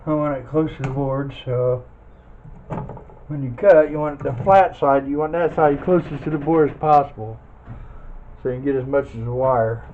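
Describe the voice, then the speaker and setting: At a normal speed and medium pitch, a scrap metal hobbyist casually narrates a teardown tutorial. He comes across as folksy and plainspoken, muttering to himself mid-task. The recording is muffled and phone-like, with loud background noise.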